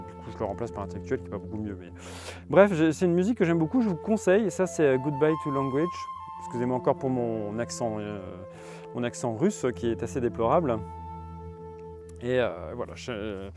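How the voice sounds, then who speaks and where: Young guy rambling about records into his phone on a tripod, lots of ums, music going in the background. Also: mid-range voice. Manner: rambling, thinking aloud with frequent hesitations. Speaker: vlogger presenting borrowed music albums. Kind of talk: casual spoken review. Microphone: phone camera on a tripod.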